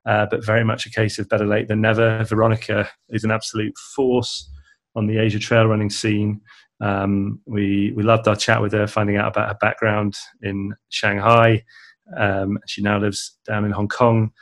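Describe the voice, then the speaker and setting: A man introducing a podcast guest, measured and slightly halting with pauses. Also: fairly low pitch. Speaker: podcast host.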